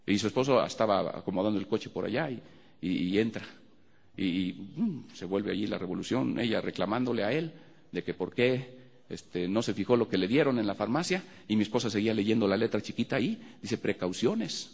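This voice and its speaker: A man's voice: lowish voice, fairly quick, gravelly, darkish tone, husky. A male preacher telling a personal testimony to his congregation, in a storytelling manner with repeated words and fillers. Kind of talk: sermon testimony. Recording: long hall reverb.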